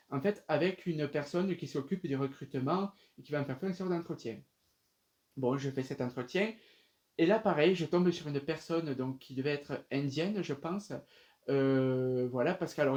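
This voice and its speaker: A man's voice: a little high, darkish tone. A young man casually telling a personal story to viewers, rambling with many fillers and restarts. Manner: addresses viewers directly.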